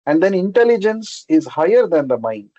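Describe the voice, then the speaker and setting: Telugu-accented man teaching, slightly high voice. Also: very animated, moderate pace, warm tone, no room sound. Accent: Telugu Indian. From South India. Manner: didactic, repeats key terms, tags statements with questions. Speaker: spiritual teacher giving a scripture class. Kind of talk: explanatory religious lecture. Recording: dull lo-fi sound.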